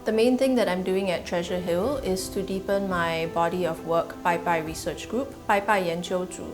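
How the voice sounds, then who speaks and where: Woman, low, measured voice. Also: over music. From Singapore. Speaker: artist. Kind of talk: documentary interview.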